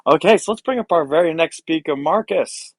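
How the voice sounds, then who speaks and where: A man's voice: fairly high pitch, lively intonation, brisk. A man in his forties hosting a live online event in casual, jovial, upbeat chat. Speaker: conference host. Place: indoor home studio.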